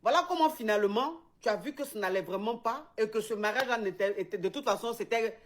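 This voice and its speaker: A woman with a fairly high voice and a quick pace hosts a casual chat, retelling a story sent in by a viewer. She speaks directly to the listener and repeats phrases for emphasis.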